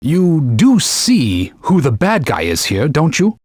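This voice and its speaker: A man voices a talking holy sword in a game, a stern old knightly mentor who speaks formally and barks urgent warnings. His exaggerated delivery is on the high side, slow, with huge pitch swings, and the voice is husky, commanding and a little mellow. These game voice clips are a dry studio recording with no room sound.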